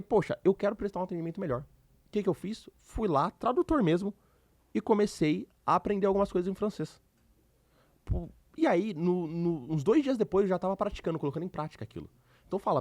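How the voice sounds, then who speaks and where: A man with a Brazilian Portuguese accent, a podcast guest telling his work stories in an emphatic, animated way. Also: fairly high pitch, no echo. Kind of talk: casual interview storytelling.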